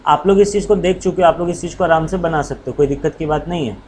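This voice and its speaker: Playful high-voiced male teacher. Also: fast talker, darkish tone, slight background noise. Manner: playful, teasing, calls students "babu". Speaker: commerce teacher. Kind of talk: casual classroom lesson.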